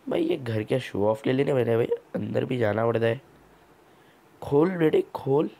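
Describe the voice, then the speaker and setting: A man's voice: mid-range voice, animated, normal speed, vocal fry, dark tone. A man hosting a gameplay video, giving casual commentary full of teasing, mock-scolding banter.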